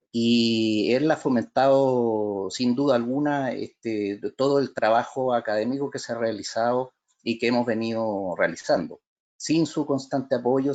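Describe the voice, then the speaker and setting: A book author thanking his university and colleagues in an earnest, halting speech. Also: on the low side, dull audio. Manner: halting, many fillers and restarts, earnest. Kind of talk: spontaneous thank-you speech.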